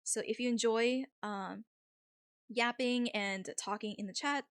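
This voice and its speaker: A woman's voice: fairly high pitch, steady tone, a little slow, smooth, dry recording, studio quality. A woman livestream host chatting casually with viewers in a cute, sweet anime-streamer manner.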